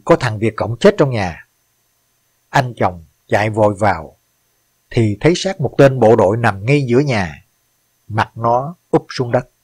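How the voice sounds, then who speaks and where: A man's voice: medium pitch, darkish tone, slightly rough, no room sound. A man voicing an older former soldier who earnestly recounts a war memory. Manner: earnest, solemn storytelling.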